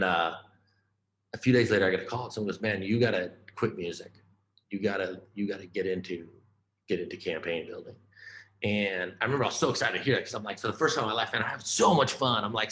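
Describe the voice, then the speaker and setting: A man giving a conference keynote, telling his life story in a casual, animated way, often saying "man" and "right?". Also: fairly low pitch, reverberant, rough recording. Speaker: keynote speaker.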